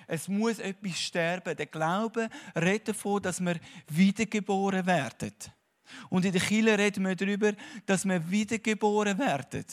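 A man preaches in a fairly high voice. He swings from hushed, thoughtful stretches to loud, emphatic bursts. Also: moderate pace. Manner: animated, swinging between quiet musing and loud emphasis. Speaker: conference speaker. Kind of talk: sermon-like talk.

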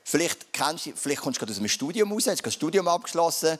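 A man's voice: a little high, sing-song, rapid-fire. Swiss German man preaching casually. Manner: casual, conversational preaching with dialect fillers. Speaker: pastor. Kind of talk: sermon.

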